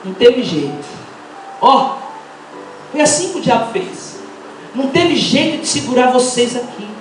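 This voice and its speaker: A middle-aged woman with a Brazilian accent preaching an impassioned Pentecostal sermon, firing rhetorical questions and breaking into shouts. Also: sits high, expressive, moderate pace, slight background noise. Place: large church hall. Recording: echoey church hall, mic far off.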